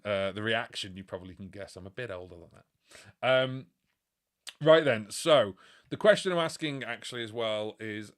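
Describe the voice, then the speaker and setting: A man in his forties from the UK, casually chatting on a music live stream and answering viewer questions with lots of fillers. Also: medium pitch. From United Kingdom. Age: 40s.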